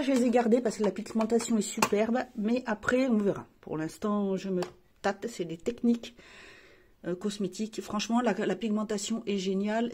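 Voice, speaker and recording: A woman beauty vlogger chatting casually while showing her makeup, rambling with frequent restarts and fillers. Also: fairly high pitch.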